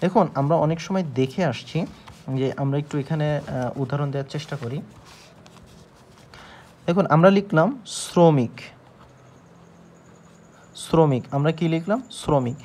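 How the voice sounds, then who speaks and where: Slow-explaining male teacher. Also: fairly high pitch, darkish tone. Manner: slow, explanatory, with many pauses and fillers. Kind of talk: grammar lesson.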